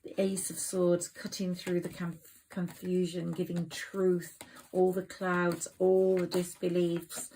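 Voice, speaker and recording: A woman's voice: fairly low pitch, vocal fry, warm tone, a little hiss or hum, rough recording. A woman reading tarot cards to her viewers in an effusive, rambling, sentimental way. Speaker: tarot reader. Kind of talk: tarot card reading to camera.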